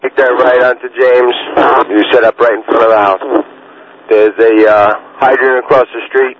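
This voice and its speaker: A man's voice: medium pitch, flat delivery, moderate pace. A man speaking as a firefighter in terse, matter-of-fact fireground radio messages. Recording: muffled, noisy two-way radio.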